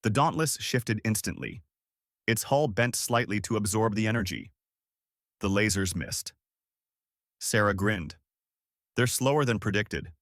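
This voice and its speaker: A man narrating a science-fiction story in a lively, dramatic way. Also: fairly low pitch, a little slow, long pauses, no room sound, clean studio sound. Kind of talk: scripted sci-fi story narration.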